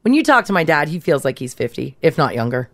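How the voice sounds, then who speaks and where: Lively low-voiced woman co-host. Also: fast talker, no echo. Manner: reads poll results and listener texts. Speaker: radio co-host. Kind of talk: casual radio talk, reading stats.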